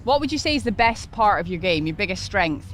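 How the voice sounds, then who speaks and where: A woman with a gentle East Coast Scottish accent, hosting and chatting casually as she plays golf. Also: medium pitch, expressive, brisk. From east coast of Scotland. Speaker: host and golfer. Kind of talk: casual on-course chat.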